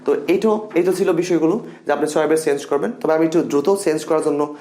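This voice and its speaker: Young male tutor, expressive and upbeat, slightly high voice, echoey room. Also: fast talker. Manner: animated and expressive, repeats example sentences. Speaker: English teacher. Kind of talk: casual spoken lesson.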